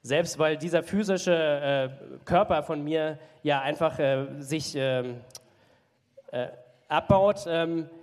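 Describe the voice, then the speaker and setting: A man interprets a sermon phrase by phrase, stumbling with fillers and self-corrections as he goes. His voice sits a little high for a man. The sound carries the long reverb of a church hall. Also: slow. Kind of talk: live consecutive interpreting of a sermon.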